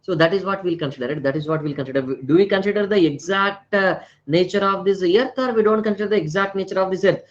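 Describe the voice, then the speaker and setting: An Indian-accented man teaches a live online lecture in a high voice, talking fast. He repeats phrases, often tags questions with "right" and "na," and mixes Hindi words into his English. The highs in the recording are cut off.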